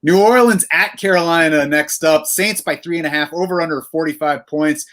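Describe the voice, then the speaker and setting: A man breaking down fantasy football in a steady, matter-of-fact casual podcast chat. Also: fairly high pitch, normal speed.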